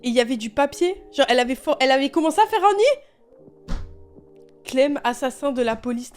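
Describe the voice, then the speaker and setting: A young woman with a high voice tells stories on a gaming stream. She is animated and exasperated, swears freely and often breaks into laughter. Faint music plays under her voice. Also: fairly quick. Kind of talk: casual storytelling while gaming.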